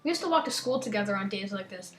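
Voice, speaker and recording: A woman's voice: medium pitch, animated, fast talker, reverberant, noisy background. Chatty young woman with a slight lisp. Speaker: gaming channel host. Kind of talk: casual let's-play commentary and reading game text aloud.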